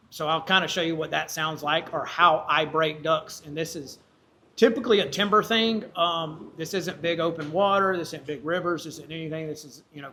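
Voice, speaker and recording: Higher-voiced man giving informal how-to instruction. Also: pushed and bright, a little hiss or hum. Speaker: duck calling instructor.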